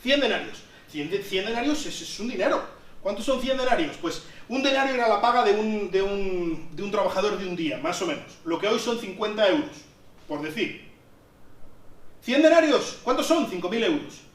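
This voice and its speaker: A man's voice: sits high, lively intonation, moderate pace. A man from Spain preaching a sermon in a conversational way that rises to emphatic peaks. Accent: Spanish from Spain. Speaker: pastor. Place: church hall. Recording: echoey church sound from a distance.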